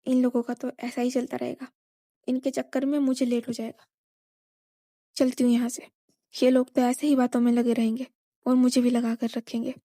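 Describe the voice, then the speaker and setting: A woman's voice: a little high, level tone, normal speed, long pauses, dark tone, no echo, clean studio sound. A woman voicing a polite young woman guest who is eager to leave. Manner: polite, apologetic.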